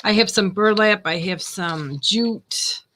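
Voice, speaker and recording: On a noisy home recording, an older woman rambles through casual chat as she crafts during her livestream, laughing a lot. She speaks slowly at a medium pitch with a sharp tone.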